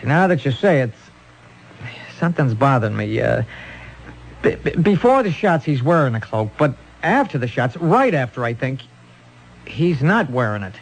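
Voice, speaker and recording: A man's voice: medium pitch, sing-song, moderate pace, gravelly, poor audio. A flustered policeman in an old-time radio mystery show. His mid-range voice jumps around expressively. He hesitates, stammers and earnestly puzzles things out aloud. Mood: puzzled, agitated.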